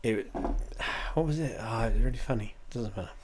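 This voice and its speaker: A man's voice: medium pitch, normal speed, background noise. A man, stuffed up and coughing, giving a meandering, profane, wry review at home. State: congested, coughing. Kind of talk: rambling casual review. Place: at home indoors.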